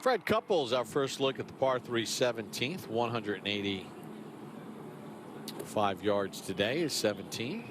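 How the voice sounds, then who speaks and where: Male lead golf announcer, medium pitch, play-by-play delivery over audible outdoor noise. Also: expressive, a little slow. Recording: clear outdoor ambient noise behind.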